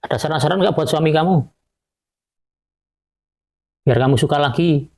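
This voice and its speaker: A man's voice: a little high, normal speed, darkish tone. Man chanting ritual prayers. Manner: commanding prayers with repeated chanted invocations. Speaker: spiritual healer. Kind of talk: spiritual ritual session.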